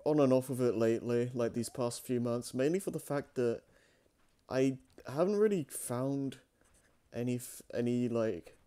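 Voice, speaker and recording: A man with a mellow, mid-range voice that sounds clear and resonant co-hosts a fan fiction reading show. His unscripted, casual chat comes out hesitant and rambling.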